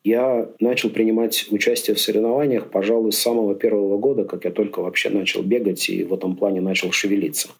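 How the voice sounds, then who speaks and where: A man's voice: lowish voice, level tone, quick pace, gravelly, hardly any pauses, slightly rough. A man in his forties, a podcast guest talking through his racing life in a reflective, rambling way with many fillers. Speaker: podcast guest, amateur triathlete. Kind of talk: casual interview chat.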